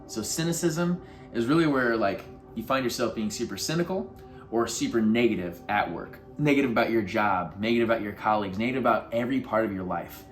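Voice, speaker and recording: A man with a fairly low voice speaks as a life coach, offering earnest, motivational advice in a loose, casual manner. He leans on fillers as he talks straight to the viewer. Faint music plays behind him. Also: fairly quick. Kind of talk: motivational advice talk to camera.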